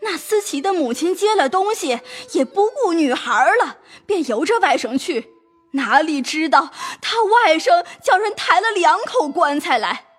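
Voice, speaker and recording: A woman's voice: extremely high pitch, lively intonation, measured pace, faint music behind. A woman playing a pleading servant woman. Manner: storytelling, pleading, emotional. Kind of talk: audio drama acting.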